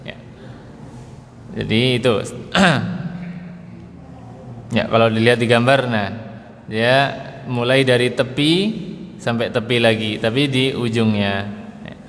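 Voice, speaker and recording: A man's voice: mid-range voice, steady tone, slow, long pauses, fairly bright tone. A man teaching Quran pronunciation in a mosque, patiently drawing out letter sounds to demonstrate them and adding a little "ya" after nearly every phrase. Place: mosque hall. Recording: long hall reverb, faint background noise.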